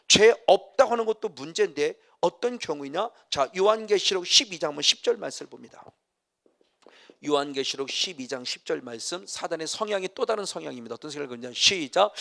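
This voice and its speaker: Animated, lively-pitched Korean pastor preaching. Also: male voice. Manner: animated preaching, acts out scenes and scripture. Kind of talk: sermon.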